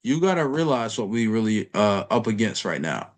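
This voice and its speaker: A man's voice: on the low side, big pitch swings, moderate pace. A man giving a casual trading lesson over a chart, blunt and profane, talking to the viewer in street slang. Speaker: trading educator.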